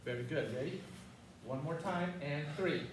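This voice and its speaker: A man's voice: fairly high pitch, normal speed. An older man teaching a karate class, calling out short, commanding cues for students to repeat. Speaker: martial arts instructor. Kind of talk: karate lesson with call-and-response drills. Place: large martial arts studio, indoors. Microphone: far camera. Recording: roomy, distant mic with faint noise.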